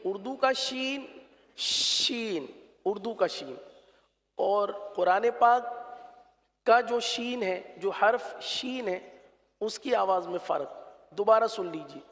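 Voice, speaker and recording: Guy teaching quran letters, kinda high voice, slow and patient, drags out each sound, lots of echo. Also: fairly bright tone. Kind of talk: slow pronunciation lesson.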